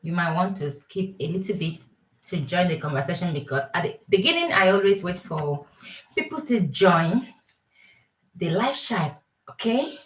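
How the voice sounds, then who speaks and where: Slow, bright-voiced woman hosting a live chat. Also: lowish voice, expressive, echoey room, recorded from a distance. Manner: halting, searches for words and restarts often; mixes English and Italian while greeting viewers. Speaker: live stream host. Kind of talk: casual live chat with viewers.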